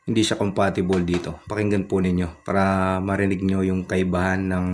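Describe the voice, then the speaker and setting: A man calmly walks through a product review in a polite, explanatory way. His voice sits very low and stays level, with little rise or fall. A faint hiss sits under the recording. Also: brisk. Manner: polite, plain step-by-step explaining.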